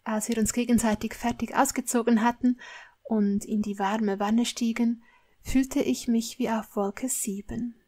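A woman reading fan fiction aloud in a soft, hushed voice, sometimes dropping into a whisper. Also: a little high, fairly even intonation, measured pace. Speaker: reader.

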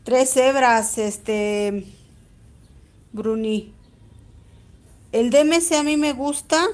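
A woman's voice: fairly high pitch, extremely slow, darkish tone. A woman with a Mexican accent gives a chatty live-stream embroidery lesson, greeting viewers by name as she stitches. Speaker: embroidery teacher.

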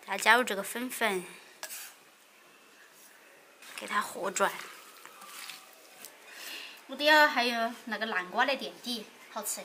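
Young female cooking vlogger, Sichuan dialect, fairly high voice, casual chat, noisy outdoor kitchen recording. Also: normal speed, pauses often, sharp tone. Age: young adult. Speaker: cooking vlog host. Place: open-air village kitchen.

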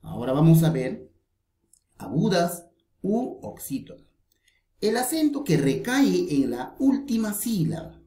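A woman teacher from Peru talks through a grammar lesson with slow, careful emphasis. Her voice is low and mellow but rises and falls a lot. The recording has a roomy echo. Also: sing-song. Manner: slow, deliberate explanation with stressed example words.

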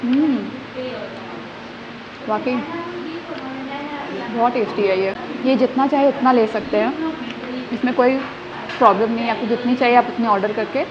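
A woman's voice: fairly high pitch, moderate pace, long pauses, dull audio, noisy background. A young woman vlogging a casual food review, chatting about each dish as she tastes it in a small restaurant, filmed on a phone at arm's length. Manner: chatty, describes each dish while tasting. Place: small indoor restaurant and outside its entrance.

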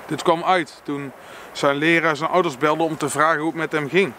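Dutch male reader, higher voice, earnest, faint traffic behind. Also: a bit bright. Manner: slow earnest reading, stumbles and self-corrects. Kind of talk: reading a book passage aloud with personal reflection.

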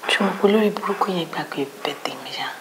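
A woman's voice: lowish voice, very fast, slight background noise, lightly acted, poor audio. An actress playing an emotional young woman who mixes Yoruba and English. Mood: affectionate. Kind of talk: Nollywood film acting.

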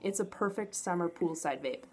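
Young female reviewer, lowish voice, informal and enthusiastic, faint background noise. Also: normal speed. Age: young adult. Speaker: product reviewer. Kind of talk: casual review to camera. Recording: noticeable background noise, home camera audio.

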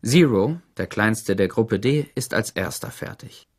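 A man narrating an audiobook in an expressive storytelling manner. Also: lowish voice, a little slow, husky. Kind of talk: scripted narration.

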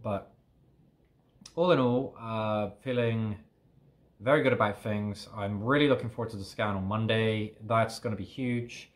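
Low-voiced British man, chatty vlog. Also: unhurried. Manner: chatty, rambling, self-correcting. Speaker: fitness vlogger. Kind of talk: casual video diary. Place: home.

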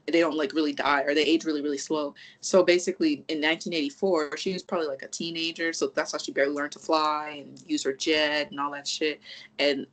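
A podcast co-host in casual chat, animated and profane, rambling through restarts and acting out reactions. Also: mid-range voice, quick pace, low-quality recording.

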